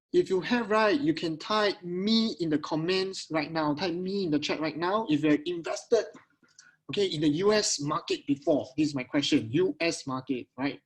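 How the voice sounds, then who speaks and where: Singlish-speaking Singaporean man, higher-pitched voice. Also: breathy edge, rough recording. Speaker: investment webinar host. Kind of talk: casual live webinar talk to online attendees. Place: at home on a video call.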